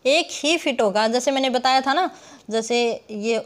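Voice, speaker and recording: Young woman teacher, slightly high-pitched, patient explainer who poses her own questions and breaks words into sounds. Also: a little slow. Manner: rhetorical questions she answers herself, addresses viewers as guys. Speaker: literature teacher. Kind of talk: online lesson explaining poetic meter.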